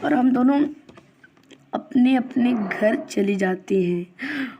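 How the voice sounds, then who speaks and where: A woman's voice: fairly high pitch, slow, dark tone, slight background noise. A woman casually telling a long first-person story, rambling and repeating herself with many fillers and restarts.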